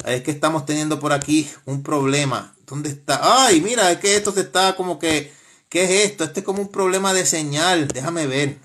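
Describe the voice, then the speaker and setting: A man's voice: fairly high pitch, moderate pace, a bit bright, a little hiss or hum. A man hosting a live stream, casually commenting in a mocking, laughing way, with frequent exclamations.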